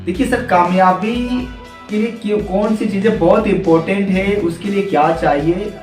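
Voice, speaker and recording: A man's voice: sits high, normal speed, recorded from a distance. A man answering interview questions on direct selling in a preachy, motivational way, full of rhetorical questions and stories. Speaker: direct selling leader, guest. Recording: echoey room, voice from afar, faint music.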